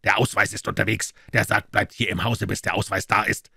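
A man reading an audiobook, voicing an urgent, commanding detective with a brisk delivery. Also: deep voice, vocal fry, fairly bright tone, breathy edge, dry recording, clean studio sound, exaggerated voice. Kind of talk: audiobook character voice.

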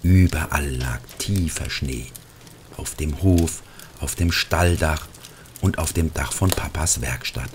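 A middle-aged man reading a Christmas storybook aloud, gentle and hushed at times, with lively swings into character voices. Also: slow pace, slight background noise. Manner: gentle, hushed, drops to a whisper in places; lively character voices rising high for quotes. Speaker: narrator. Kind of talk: scripted storybook narration.

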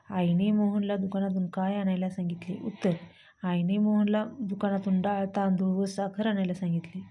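A woman's voice: mid-range voice, dull audio. A woman teacher with a Marathi accent, steadily reading out textbook exercise answers.

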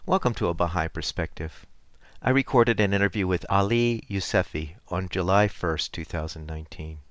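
A man hosting a community radio program, introducing an interview in a measured, formal way. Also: deep voice, dry recording, soft background music. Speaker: radio host.

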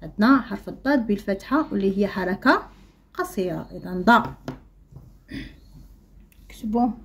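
A woman's voice: mid-range voice, lively intonation, slightly rough. A woman teacher with a Moroccan accent dictating an Arabic reading lesson to young children, drawing words out syllable by syllable. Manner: drawn-out syllable-by-syllable reading, then quick asides. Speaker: primary school Arabic teacher.

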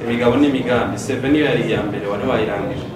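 A man moderating an event, brisk and directing the speakers. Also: medium pitch. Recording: echoey hall with a loud crowd.

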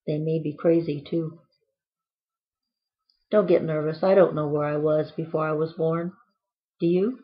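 A woman reads from her own book with a playful, whimsical lilt and plenty of quirky asides. Her voice sits on the low side for a woman. The recording is dull and lo-fi. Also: steady tone, a little slow, pauses often.

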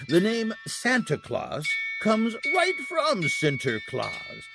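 An actor playing a kindly old Santa who is truly a saint, gently explaining like a storyteller in a family audio drama. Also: male voice, medium pitch, gravelly.

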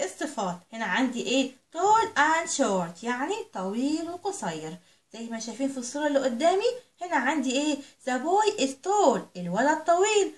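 An Egyptian woman teaching English to young children, stretching out the English words slowly and quizzing the kids with questions. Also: sits high, echoey room. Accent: Egyptian Arabic. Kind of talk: recorded lesson for young children.

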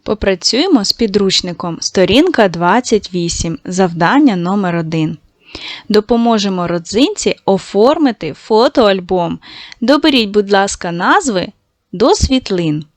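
A woman teaching a recorded lesson to young schoolchildren, patient and encouraging, slowly stretching out sounds to show how they are said. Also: mid-range voice, animated, no room sound. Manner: praising, addresses children directly.

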